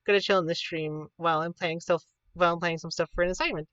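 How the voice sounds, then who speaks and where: A woman's voice: fairly low pitch, steady tone, fast, fairly bright tone, no room sound, dull audio. A woman with a Pittsburgh accent chatting casually and informally on a livestream, rambling as she teaches an informal class. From Pittsburgh, United States.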